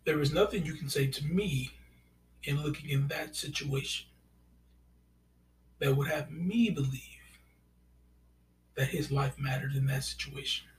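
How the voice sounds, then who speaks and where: A man hosting a solo podcast commentary, speaking deliberately and halting over his words with many fillers. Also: a little high, steady tone, recorded from a distance, a little hiss or hum. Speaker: podcast host.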